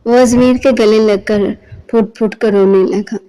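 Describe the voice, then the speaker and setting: Smooth-voiced woman reading a novel. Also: on the high side, poor audio. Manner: steady storytelling with quoted dialogue. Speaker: narrator.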